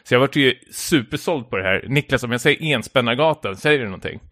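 Man, casual podcast storyteller, rambling with fillers, mid pitch, close dry mic. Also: expressive, a bit bright, dry recording. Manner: rambling storyteller, heavy filler words, stumbles and restarts. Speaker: podcast co-host telling a story. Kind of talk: casual chat, anecdote.

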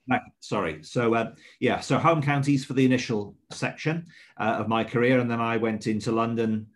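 A middle-aged man from Swansea with a mild South Welsh accent, giving measured, explanatory answers as a hotel manager being interviewed. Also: mid-range voice, steady tone. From Swansea, South Wales.

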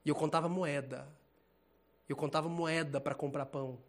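High-voiced, lively preacher man. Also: normal speed. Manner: casual, animated, slangy preaching, laughs often. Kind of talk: informal sermon.

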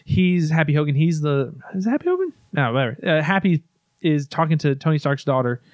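A man with a fairly high voice recaps a film in a loose, rambling way. He restarts sentences, stacks up fillers and drops the odd swear word. The sound is dry and close, with no room echo. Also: sing-song, fairly quick, a little mellow. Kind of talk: casual movie recap.

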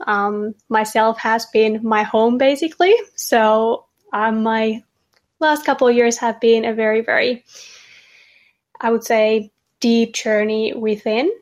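A woman with a Finnish accent, a guest in an interview, speaking softly and in a measured way with some hesitations. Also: fairly high pitch, muffled recording. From Finland. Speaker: guest, cycle coach. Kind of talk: conversational interview.

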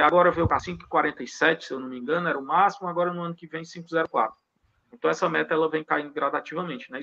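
Fast-talking consultant, gravelly and husky, patient step-by-step explainer, dull lo-fi sound. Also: male voice, fairly high pitch, pushed and bright. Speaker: investment consultant guest. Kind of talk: explanatory talk on pension investment rules. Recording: dull lo-fi audio.

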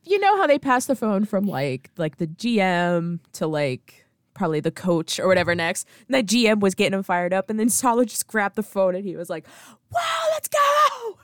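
A woman's voice: mid-range voice, animated, a little fast, no echo, clean studio sound. A woman co-hosting a casual sports chat, giggly and fond of telling stories. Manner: giggly, storytelling. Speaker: podcast co-host.

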